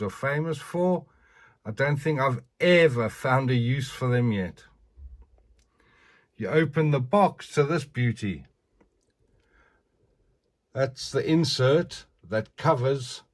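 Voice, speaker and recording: An older man with missing teeth and slightly slurred consonants, giving a casual, chatty, rambling show-and-tell as a collector. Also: mid-range voice. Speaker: figure collector presenting a review.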